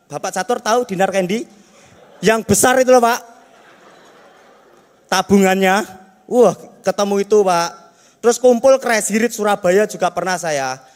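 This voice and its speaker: A man with a Javanese accent performing a stand-up comedy routine, chatty and self-mocking, constantly addressing the audience. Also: high voice. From Java, Indonesia. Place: stage in a large hall. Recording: long hall reverb.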